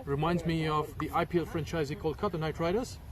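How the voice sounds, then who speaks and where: A man's voice: on the high side, fairly even intonation, fast, a crowd in the background. A man giving easygoing, wry live commentary on a local cricket match outdoors at a cricket ground.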